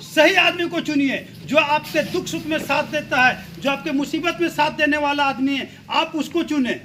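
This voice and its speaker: A man with a very high voice addresses a community gathering in a public speech. His tone is bright and forceful as he exhorts the listeners, piling up rhetorical questions and repeated lists. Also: moderate pace, soft background music, poor audio. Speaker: speaker at a community blanket distribution event.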